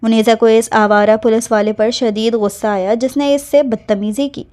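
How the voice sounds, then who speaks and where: Mellow woman reading a romance novel. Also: fairly high pitch, steady tone. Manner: smooth storytelling. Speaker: narrator.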